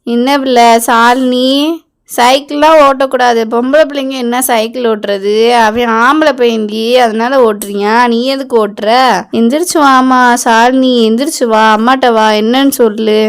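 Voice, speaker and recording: A nagging, scolding mother, played by a woman in a doll storybook, with a smooth, clear voice pitched a little high. She repeats her orders again and again. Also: steady tone, normal speed, lightly acted. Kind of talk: storybook doll-play acting.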